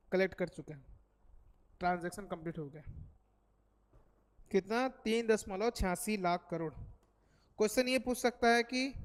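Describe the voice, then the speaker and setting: A man's voice: sits high, big-room sound. A male teacher giving a classroom lecture, repeating key figures and asking questions that he then answers himself. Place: coaching classroom.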